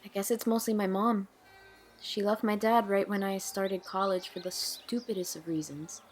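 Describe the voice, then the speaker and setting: With faint music in the background, a woman plays Nicole in an audio drama: a guarded, troubled young woman, awkward and wary. Her mid-range voice has fairly even intonation and normal speed, close to how people talk every day. The performance is naturalistic amateur acting, hesitant and plain, with a guarded, confessional feel.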